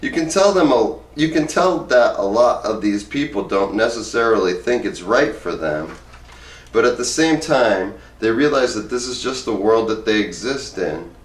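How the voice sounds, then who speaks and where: A man reads book excerpts with lively intonation at a normal pace, his voice on the low side. The delivery is informal and plain-spoken, and he reads both sides of the interviews himself. The audio is echoey and roomy, with the mic some distance away.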